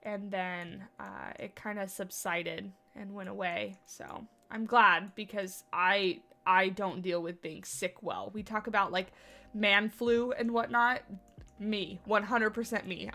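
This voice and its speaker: Her voice is mid-range, bright and forceful, with vocal fry, fairly even intonation and a measured pace. She's livestreaming a game from her home office, stuffed up a little from a cold, chatting with her live chat in a rambling, self-deprecating way.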